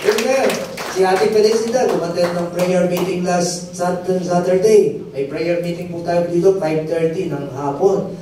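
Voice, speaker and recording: A man's voice: sits high, fairly even intonation, measured pace, warm tone. A man preaching a sermon as pastor, telling stories and calling again and again for the crowd to answer "amen". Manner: call-and-response, keeps asking the crowd for "amen"; storytelling testimony with rising emphatic peaks. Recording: very echoey hall, mic far off, faint noise.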